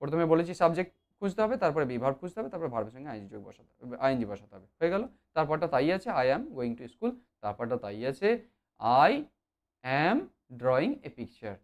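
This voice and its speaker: An English grammar teacher giving an explanatory online lesson, with many drawn-out fillers and key points repeated. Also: medium pitch, sing-song.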